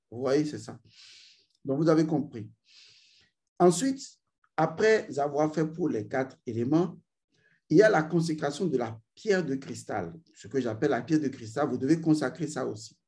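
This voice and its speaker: A man teaching a spiritual ritual, speaking slowly and intoning drawn-out vowel sounds for his students. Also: on the high side. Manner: addresses learners directly, repeats "vous voyez". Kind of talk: esoteric ritual instruction.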